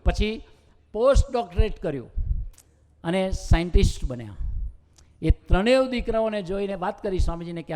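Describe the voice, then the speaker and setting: A man with a Gujarati accent preaches a sermon in a high, mellow voice. He tells stories and voices the people in them. The sound rings with a long hall reverb. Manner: storytelling, acting out dialogue in quotes. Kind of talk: sermon with storytelling.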